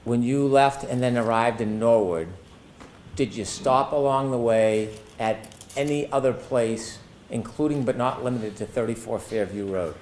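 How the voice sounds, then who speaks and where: A man's voice: mid-range voice, moderate pace, darkish tone, slight background noise. A man working as an attorney, questioning a witness in court in a formal, methodical and precise way. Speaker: prosecuting attorney.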